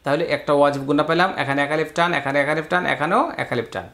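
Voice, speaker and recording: A man teaching Quran reading in a Bangladeshi Bengali accent, spelling out letters and vowel marks, then chanting the words slowly. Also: on the high side, a bit bright. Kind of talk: step-by-step recitation lesson.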